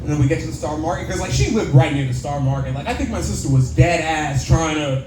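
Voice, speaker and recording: A man telling a stand-up story on a club stage, laid-back and deadpan, his voice on the higher side. The room rings with echo around the mic. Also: fast, background noise. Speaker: stand-up comedian. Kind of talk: stand-up set.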